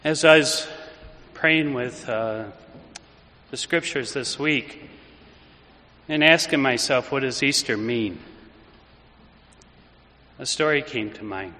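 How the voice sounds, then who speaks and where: An older man, a priest, giving an informal anecdotal homily in conversational, halting phrases in a reverberant church. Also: mid-range voice, pushed and bright. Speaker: priest, pastor.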